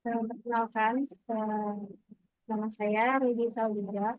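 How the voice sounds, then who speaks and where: Here is a young woman from West Sumatra, in her twenties, introducing herself to a class. She speaks very slowly and hesitantly in a slightly high voice. The sound is close and dry. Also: level tone, no echo, muffled recording. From West Sumatra, Indonesia. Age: 20s. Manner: hesitant, many fillers. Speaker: teacher and graduate student.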